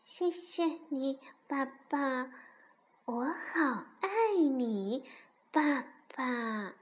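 Woman doing a squeaky newborn duckling. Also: expressive, slow, pushed and bright, heavily acted. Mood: sleepy. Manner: childlike, calling out eagerly. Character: newly hatched duckling, clingy and sweet.

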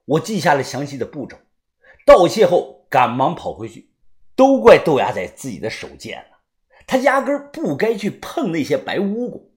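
A man narrating a serialized story in lively, dramatic storytelling. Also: fairly high pitch, moderate pace. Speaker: audiobook narrator.

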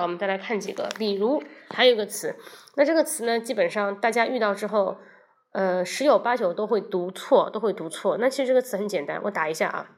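A woman from China hosting a casual livestream English lesson, chatting with viewers, switching between Chinese and English and slowly repeating words to show how they sound. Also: mid-range voice. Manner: addresses viewers directly and invites questions.

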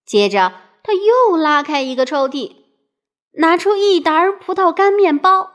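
Woman storyteller for a children's book, high, lively, unhurried, playful asides. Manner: expressive, with playful questions to the listener.

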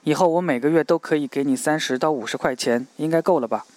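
A man's voice: a little high, quick pace, a little mellow, lightly acted. A man reading an earnest young man pleading. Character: earnest young male geologist, worried and pleading.

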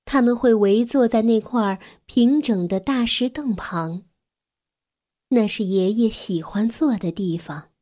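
A woman reads a children's bedtime story in a gentle, unhurried way, her voice a little raised. She softens at tender moments, at times sinking almost to a whisper. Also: a little high. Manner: gentle, soft, sometimes drops to a whisper.

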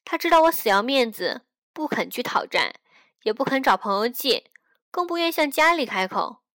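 A woman reading a story aloud in a gentle, intimate storytelling manner, acting out the dialogue as she goes. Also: a little high, dry recording. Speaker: radio reader. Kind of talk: storybook narration over music. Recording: dry close mic with soft background music.

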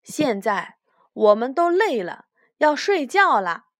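A woman's voice: high voice, sing-song, slow pace, dry recording, studio quality, heavily acted. A woman doing chirpy bunnies in chorus. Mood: cheeky. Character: group of bouncy little bunnies speaking together.

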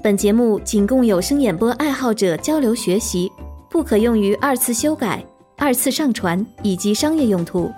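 A woman announcer reading a scripted closing notice in an even, formal way. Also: a little high, moderate pace, soft background music. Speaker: program announcer.

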